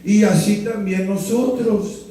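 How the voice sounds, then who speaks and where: A middle-aged pastor with a fairly high, dark voice preaches fervently, taking his time and keeping his intonation fairly even. He switches between Spanish and English and marks his points with amens. Picked up from a distance, his voice rings through an echoing church hall.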